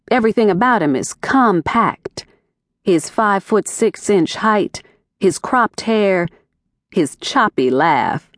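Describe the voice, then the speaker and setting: Woman, audiobook narrator, wry storytelling, slow deliberate pace, dry studio sound. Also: medium pitch, no echo. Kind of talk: scripted first-person mystery narration. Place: recording studio. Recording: dry, close studio recording.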